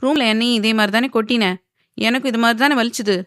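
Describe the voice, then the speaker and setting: A woman's voice: a little high, steady tone, fast, a bit bright, no room sound, studio quality, voice pushed up, close to an everyday voice. A woman voicing a cheeky young man who teases his older sister, in an audio novel. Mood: teasing. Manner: bantering, irritated.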